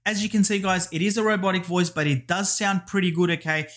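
A man hosting a screen-share software tutorial, giving step-by-step instructions and often saying "guys" and "over here". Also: high voice, fairly even intonation, quick pace. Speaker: YouTube tutorial host.

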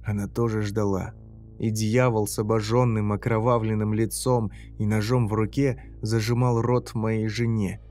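Man narrating a horror story, mellow voice. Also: fairly low pitch, level tone, soft background music. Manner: measured, dramatic.

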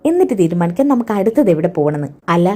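A woman's voice: fairly low pitch, sing-song, racing, warm tone. A woman voicing a rich womanizer who coaxes and sweet-talks his girlfriend. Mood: coaxing. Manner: coaxing, sweet-talking. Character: man, smarmy rich womanizer.

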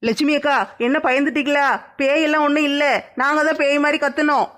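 A woman's voice: high voice, little pitch movement, fast talker, fairly bright tone. A woman playing a mischievous young village woman plotting a prank. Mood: playful. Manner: playful plotting.

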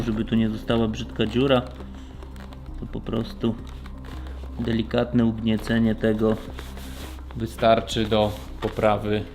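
A motorcycle shop technician walks through an installation in a casual, hands-on tutorial. His mid-range voice is a little mellow, and he explains each step plainly and practically.

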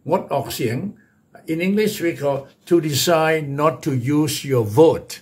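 A man with a Thai accent teaching English vocabulary, switching between Thai and English and repeating key words slowly for his learners. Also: fairly high pitch, animated, a little mellow. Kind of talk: bilingual vocabulary lesson.

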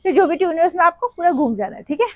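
A woman's voice: extremely high pitch, lively intonation, rapid-fire. A woman dance teacher, explaining steps and counting beats aloud, sometimes singing along. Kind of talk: dance tutorial instruction with counting.

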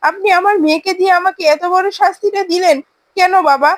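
A woman's voice: very high voice, fast talker, dry recording. A woman voicing a desperate mother locked in a room, pleading and reproaching her captors.

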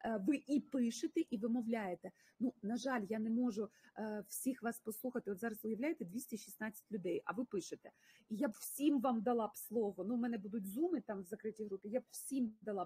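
A woman with a Ukrainian accent leads an online English lesson in a slightly high, husky voice. She switches between Ukrainian and English and praises her students by name. The sound is dry and close. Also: a little fast, dark tone, no room sound. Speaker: English teacher. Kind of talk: online livestream language lesson.

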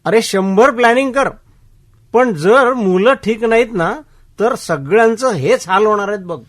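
A man's voice: high-pitched, unhurried. An actor playing an elderly man who speaks bluntly and lectures his friend about neglectful children. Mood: bitter. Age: older. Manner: blunt, lecturing, plain-spoken. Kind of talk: radio drama acting.

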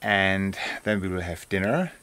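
A man's voice: low voice, unhurried. A man chatting casually to the camera as a travel vlogger, outdoors on a small island by the sea. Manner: relaxed, chatty, laughs often. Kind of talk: casual vlog narration.

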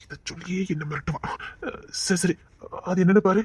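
A man's voice: high-pitched, fairly quick, husky, no echo, studio quality. A man with a Tirunelveli Tamil accent playing a flirtatious office boss who teases and wheedles. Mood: teasing. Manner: wheedling, teasing. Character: flirtatious male office boss, teasing and pleading. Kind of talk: village web-series acting.

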